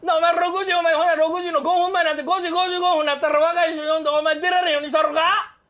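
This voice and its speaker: A man with a Kansai accent playing a loud, bullying middle-aged café customer who blusters and threatens in a comedy sketch. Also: very high voice, little pitch movement, quick pace. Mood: threatening. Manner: blustering, threatening, keeps saying "you".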